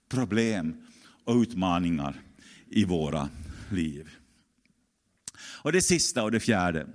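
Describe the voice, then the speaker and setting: Male pastor, conversational storytelling sermon, asks the room questions, long hall reverb. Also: medium pitch. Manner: conversational, many restarts and rhetorical questions.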